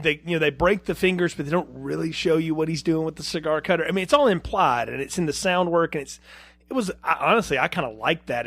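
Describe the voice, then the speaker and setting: A man with a somewhat high voice co-hosts a casual film review podcast. He talks in an animated way, acting out short quotes and restarting his sentences often. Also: vocal fry. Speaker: podcast co-host.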